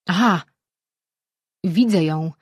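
A woman voicing a skeptical, sour-tongued sorceress in an audiobook, reading in a husky voice. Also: on the low side, takes it slowly, no echo, studio quality. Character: sharp, sour-tongued female sorceress twin.

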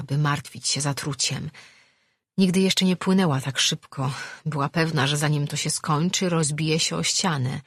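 A woman reading a story aloud in a steady, measured narration. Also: low-pitched, slightly rough, no echo, clean studio sound. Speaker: audiobook narrator. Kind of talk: scripted narration.

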